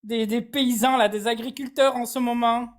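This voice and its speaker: A woman's voice: fairly high pitch, steady tone, moderate pace. A woman calling into a live stream, asking playful questions with giggles.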